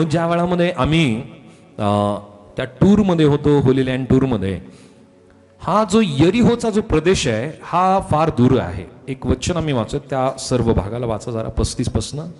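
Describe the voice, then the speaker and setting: A man preaching a sermon as pastor, often calling out hallelujah and swinging between loud calls and quiet asides. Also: mid-range voice, in a large hall. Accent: Marathi. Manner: repeats hallelujah, swings from shouts to soft asides. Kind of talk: Marathi sermon.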